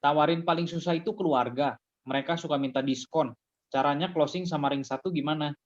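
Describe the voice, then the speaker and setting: A man's voice: on the high side, fairly quick, a little hiss or hum. A male host reading audience questions in casual talk-show chat, brief and plain-spoken. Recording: dull lo-fi audio.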